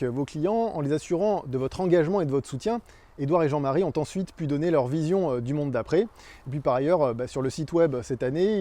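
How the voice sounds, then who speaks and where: A man with a fairly high, soft-edged voice presents a company's yearly review. He sounds conversational, often pausing on small hesitations. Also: no echo. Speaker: communications agency presenter. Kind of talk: corporate year-in-review presentation.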